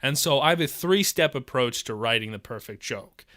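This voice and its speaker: A young man co-hosting a podcast, chatting casually with deadpan, absurd jokes. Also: medium pitch, moderate pace, dry recording, studio quality. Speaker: podcast co-host. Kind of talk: casual comedic chat.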